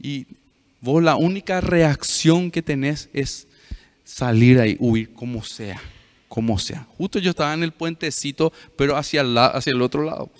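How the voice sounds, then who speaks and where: Man, pastor, fairly high voice, long hall reverb. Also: a bit bright. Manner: storytelling with frequent "¿verdad?" asides to the audience. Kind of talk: sermon to a youth meeting.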